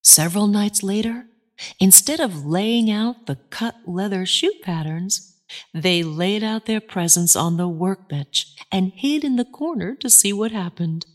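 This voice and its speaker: A woman narrating a children's story in an animated, expressive way. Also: medium pitch, measured pace.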